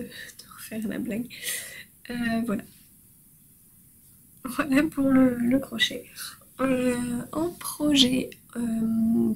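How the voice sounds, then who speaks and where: Her fairly high voice comes through a low-quality recording with slight background noise. She's a woman running a crafting podcast, chatting casually as she displays what she's made. The mood is cheerful and self-mocking, full of hesitations and filler words.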